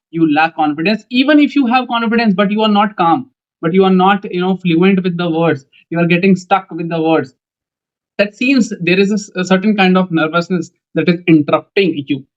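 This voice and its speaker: A young man with an Indian English accent giving a coaching lecture, speaking in a calm, measured way and often repeating "okay" between points. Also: a little high. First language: Hindi. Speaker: teacher for defence exam interviews. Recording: dull lo-fi sound.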